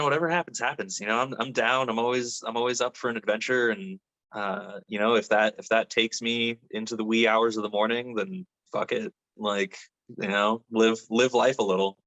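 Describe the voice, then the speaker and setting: A man's voice: on the low side, fairly bright tone. A young adult man, a metal vocalist, chatting casually in an interview, laid-back and rambling with lots of fillers and swearing.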